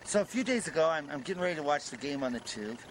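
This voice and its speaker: A man's voice: a little high, animated, quick pace, noisy background. A man delivering a comic confessional monologue, stammering and repeating words in frantic, self-mocking bursts.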